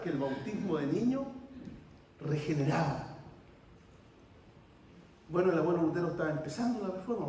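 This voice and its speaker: A man's voice: high-pitched, a little hiss or hum. A man preaching a sermon, emphatic and repeating key words, asking rhetorical questions. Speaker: guest pastor. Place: church. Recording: roomy church hall, distant mic.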